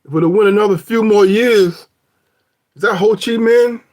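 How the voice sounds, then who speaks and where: His voice is high-pitched and a little mellow, his pace normal. The middle-aged vlogger casually walks through his DNA results on a phone, rambling, joking and restarting often.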